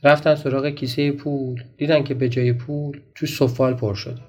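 A man reading a children's folk tale aloud in a lively way, now and then asking the listeners questions. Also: mid-range voice. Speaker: storyteller. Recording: dull lo-fi recording.

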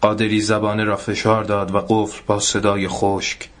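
Low-voiced male story narrator. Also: monotone. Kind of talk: literary story reading.

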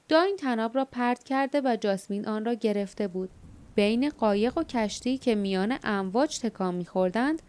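A woman narrating an audiobook in a measured, steady reading. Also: mid-range voice, clear, resonant tone. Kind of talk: scripted narration.

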